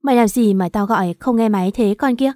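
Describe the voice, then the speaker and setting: A woman voicing a brash, foul-mouthed older friend in an audio story, speaking loudly, impatiently and with constant scolding. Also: a little high, fast talker, no echo, clean studio sound, close to an everyday voice.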